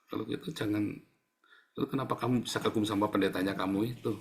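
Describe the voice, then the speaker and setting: Male pastor, on the low side. Blunt, scolding sermon delivery with loud bursts and muttered asides. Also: fairly even intonation, fast. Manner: blunt, scolding, laughs at his own jabs, swings between loud bursts and quiet asides.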